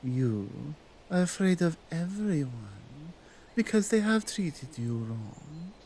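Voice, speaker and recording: A woman with a Nordic accent playing a dominant, stern yet coaxing Krampus in a slow, deliberate ASMR roleplay. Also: low-pitched, sing-song, warm tone, a little hiss or hum, heavily acted. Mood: coaxing, reassuring. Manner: deliberate, commanding, halting non-native phrasing.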